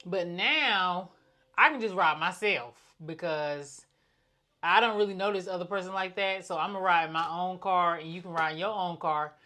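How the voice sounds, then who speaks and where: Bright-voiced nonchalant woman podcaster. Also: on the low side, moderate pace. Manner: flat, nonchalant, one-tone delivery. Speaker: podcast co-host. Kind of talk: casual chat.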